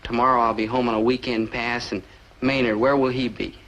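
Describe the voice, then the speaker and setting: A man's voice: medium pitch, little pitch movement, brisk, very noisy, close to an everyday voice. A young man playing an earnest army private. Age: young adult. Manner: earnest, eager. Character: earnest young soldier defending a buddy. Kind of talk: 1960s sitcom acting.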